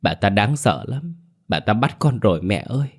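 A man's voice: on the low side, fairly quick, natural voice. A man voicing a frightened boy's ghost pleading with his mother in a trembling voice in a ghost story. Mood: terrified. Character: terrified boy ghost begging his mother.

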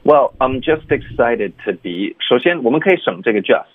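A man teaching English pronunciation on a radio lesson, patiently explaining mouth movements step by step and slowing down to model phrases. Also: medium pitch, expressive, dry recording, narrow, tinny audio. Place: radio studio.

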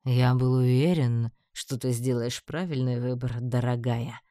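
A man's voice: mid-range voice, fairly even intonation, dark tone, no echo, clean studio sound, close to an everyday voice. A man playing a cold mocking emperor. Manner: slow, mocking, menacing. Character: cold, scheming male emperor, middle-aged. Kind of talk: audiobook character voice.

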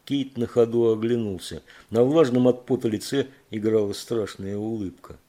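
Mellow-voiced male audiobook narrator. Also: mid-range voice, fairly even intonation, moderate pace.

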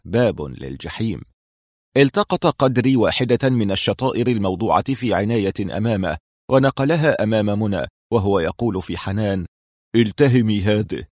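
A man's voice: lowish voice, a little mellow, dry recording, studio quality. Man narrating a thriller audiobook. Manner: dramatic, suspenseful reading.

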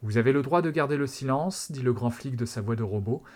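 A man putting on a flat robotic deranged cop. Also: medium pitch, a little fast, natural voice. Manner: flat and robotic, then screaming.

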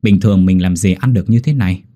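A man voicing a gentle, puzzled rural husband, coaxing and fussing. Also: low-pitched, fast talker, lightly acted. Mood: exasperated.

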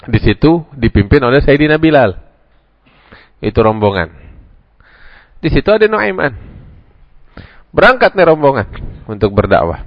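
A male preacher with a Jakarta Betawi accent tells funny stories in a relaxed lecture, leaping into high, loud voices whenever he acts out his characters. His voice sits at a middle pitch. The recording is dry and dull, with a lo-fi quality. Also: normal speed, long pauses, dry recording. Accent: Jakarta Betawi Indonesian. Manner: animated, acts out characters with sharp pitch jumps. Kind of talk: humorous storytelling lecture.

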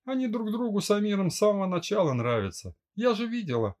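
A man reading a gentle young mother in an audiobook, soothing and talkative. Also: high voice, fast, pitched above the performer's own voice. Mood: gentle chatty. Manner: soothing, lively chatter. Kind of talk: audiobook character voice.

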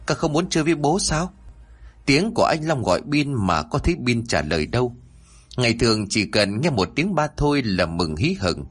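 Husky-voiced man narrating a horror story. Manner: expressive, shifts pitch for emotional moments.

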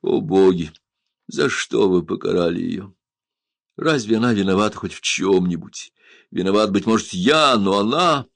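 A man's voice: deep voice, animated, normal speed, gravelly, no room sound, clean studio sound. A man voicing an anguished, passionate strong man who sobs and cries out for his beloved in an audiobook. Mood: pleading. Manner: sobbing, crying out.

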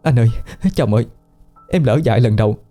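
A man's voice: mid-range voice, fairly quick, mellow, faint music behind, voice pushed up, close to an everyday voice. A man voicing a young scheming unfaithful wife with a pleading, wheedling manner. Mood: tearful pleading.

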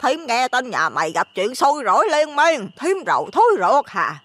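A man voicing a nosy, superstitious old village woman with a Southern Vietnamese accent, loud and chattering. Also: very high-pitched, big pitch swings, normal speed, pitched above the performer's own voice, full character voice. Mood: chatty.

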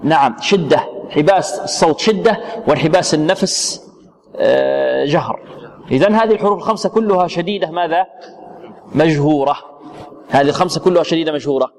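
A man's voice: on the high side, creaky, a little mellow. Male tajweed teacher quizzing students, echoing hall. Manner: quizzing, answers his own questions, halting restarts. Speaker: Quran recitation teacher. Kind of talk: tajweed lesson with questions to students.

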